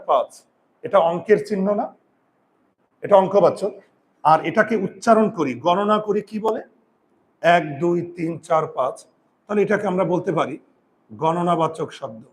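A male grammar teacher giving a lesson, repeating key terms slowly, counting aloud and telling students to write things down. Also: high-pitched, a little mellow. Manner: counts aloud and asks rhetorical check questions. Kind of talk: classroom-style grammar lesson.

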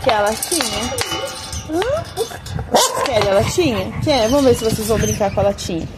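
A woman's voice: on the high side, normal speed, heavy background noise. A woman filming her dogs on a phone, talking to them in coaxing, sing-song baby talk. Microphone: phone camera.

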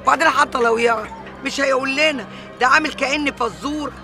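An actress playing a nosy working-class sister with an Egyptian accent, wheedling and exclaiming. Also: female voice, high voice, fast talker, over music. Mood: pleading.

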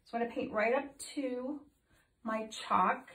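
A middle-aged art teacher demonstrates a painting in her home studio, explaining casually and dropping frequent ums. Her slightly high, somewhat bright voice keeps a measured pace, though recent illness has left it a little off. The phone camera sits overhead while she stands to one side, giving an off-mic sound with room echo.

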